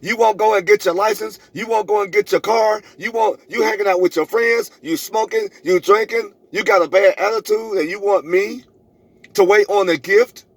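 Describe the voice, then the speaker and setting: With a high, gravelly voice and lively intonation at a moderate pace, a middle-aged man animatedly tells a personal story to camera. He preaches emphatically, repeats phrases for effect, and plays both sides of arguments. The recording is dry.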